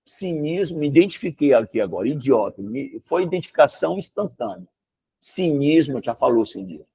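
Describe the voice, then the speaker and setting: A man's voice: mid-range voice, moderate pace, breathy edge. A man with a Brazilian Portuguese accent teaching one student over a video call, talking emphatically and asking rhetorical questions. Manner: emphatic and animated, exclaims and asks rhetorical questions. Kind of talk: casual one-on-one lesson.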